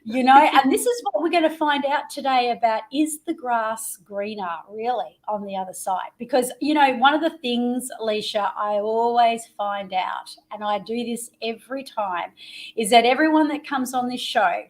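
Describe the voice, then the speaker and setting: A woman's voice: fairly high pitch, normal speed. A middle-aged woman hosting an interview show, talking with upbeat, promotional enthusiasm and dramatic emphasis.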